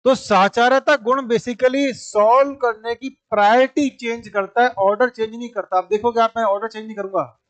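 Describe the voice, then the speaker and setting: High-voiced male maths teacher, step by step. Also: fairly even intonation, moderate pace, a bit bright, dry recording. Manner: explains step by step, repeats points and asks rhetorical questions. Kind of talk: classroom lecture.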